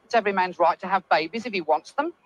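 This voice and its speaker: A man's voice: high voice, fast talker. An actor playing an earnest, pompous male rebel in a comedy film, speechifying. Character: earnest male rebel who wants to be a woman. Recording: dull old film soundtrack.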